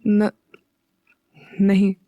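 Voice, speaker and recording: A woman's voice: medium pitch, completely flat delivery, very slow, warm tone, dry recording, muffled recording. A woman voicing a shy, caring young wife who stammers nervously in an audio story. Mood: flustered shy.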